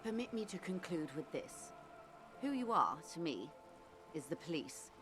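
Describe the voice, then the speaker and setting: A woman voicing a poised, worldly negotiator who speaks smoothly and articulately with gentle irony. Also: lowish voice, big pitch swings, normal speed, over music. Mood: explanatory.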